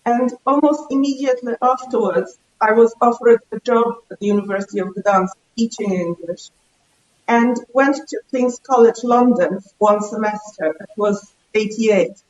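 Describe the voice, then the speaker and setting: A woman's voice: a little high, normal speed, darkish tone. A woman from Poland, a professor introducing herself carefully on a video call. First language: Polish. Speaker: professor, panellist. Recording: roomy, dull video call audio.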